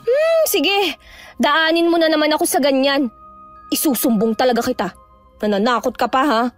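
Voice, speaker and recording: A woman's voice: high voice, lively intonation, normal speed, soft background music. A young woman acting as an anxious, superstitious younger sister in a horror audio drama, nagging and easily frightened. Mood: scolding. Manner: nagging, fearful, easily scared. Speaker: younger sister riding in a car.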